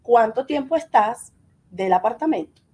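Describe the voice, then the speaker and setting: A middle-aged woman, a guest in an interview telling a personal story with lively acted-out dialogue. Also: fairly high pitch, a little slow. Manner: animated, acts out quoted dialogue.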